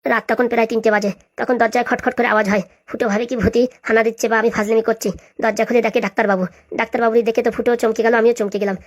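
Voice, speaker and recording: A woman voicing a gruff, impatient village man in a cartoon who gives orders as he talks. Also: fairly high pitch, flat delivery, very fast, voice pushed down, close to an everyday voice. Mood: telling. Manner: gruff, commanding. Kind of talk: cartoon voice acting.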